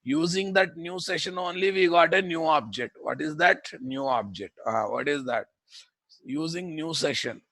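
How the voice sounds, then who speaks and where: During a live coding class, a male instructor with a Telugu Indian accent keeps repeating himself and firing blunt questions at his students. He speaks at a normal speed in a fairly high, pushed, bright voice, and the recording is dry.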